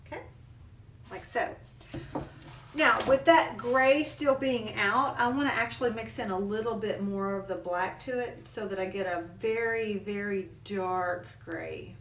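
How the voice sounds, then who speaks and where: A woman with a Southern US country accent who gives a calm, chatty, step-by-step painting lesson as an instructor. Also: medium pitch, a little slow, far from the mic, slight background noise. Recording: roomy sound, mic set back.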